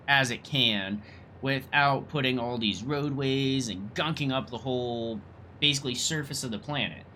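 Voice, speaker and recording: A young man with a mid-range, pushed and bright voice hosts a let's play, with slight noise in the background. He rambles a bit through casual, enthusiastic gameplay commentary and swears every so often.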